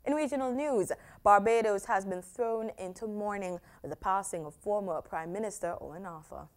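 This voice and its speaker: A woman news anchor reading scripted headlines in an even, measured way. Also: mid-range voice.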